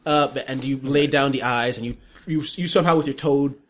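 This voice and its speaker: A man improvising narration as game master of a tabletop game in a casual, excitable style. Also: medium pitch, brisk.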